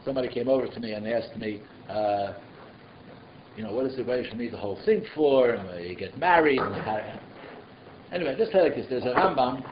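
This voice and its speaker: Animated and a little fast, a medium-pitched rabbi delivers an informal Torah class, asking rhetorical questions and slipping in casual remarks. The room recording is echoey, muffled, and noisy.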